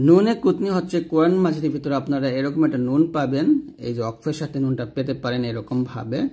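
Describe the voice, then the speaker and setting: A man teaching Quran recitation rules, explaining from a book and slowly chanting the example words. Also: a little high, darkish tone. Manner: points at the page while explaining.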